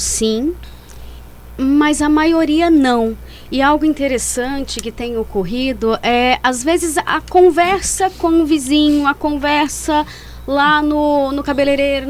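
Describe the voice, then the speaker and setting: A woman speaking as a psychologist guest in an interview, explaining things and rephrasing as she goes. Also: high-pitched.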